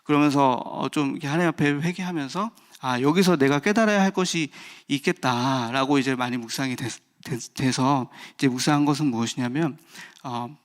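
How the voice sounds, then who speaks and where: A man's voice: medium pitch, fairly quick, few pauses. A man in his thirties, a pastor giving an early-morning sermon, speaking candidly and personally with many fillers and restarts.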